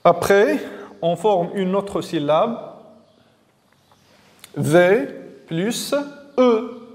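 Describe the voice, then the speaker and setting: A man teaching a reading lesson to young pupils, drilling syllables slowly and repeating each one. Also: high-pitched, a little mellow, long reverb tail. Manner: slow, syllable-by-syllable drilling with repetitions. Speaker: primary school teacher.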